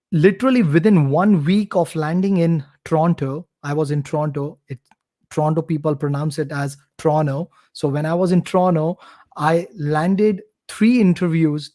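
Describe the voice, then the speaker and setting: With a warm tone and fairly high pitch, a man in his 30s from India speaks eagerly and at length as a course-creator guest on a live show. His manner is talkative and promotional in this casual live-stream interview, recorded on a computer mic.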